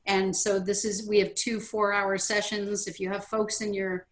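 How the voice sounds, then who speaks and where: A woman's voice: mid-range voice, level tone, moderate pace. A woman facilitating a video call workshop, upbeat and promotional as she describes her sessions. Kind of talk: casual pitch to a group.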